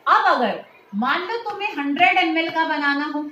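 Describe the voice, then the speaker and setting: A woman's voice: extremely high pitch, lively intonation, normal speed, pushed and bright, muffled recording, slight background noise. A woman chemistry teacher giving a hands-on lab demonstration, patiently walking students through each step and checking they follow. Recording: roomy echo.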